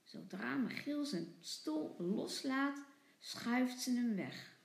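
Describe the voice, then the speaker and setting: Slow, lilting woman reading a storybook. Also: sits high, creaky, reverberant. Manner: expressive, sing-song. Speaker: teacher reading aloud.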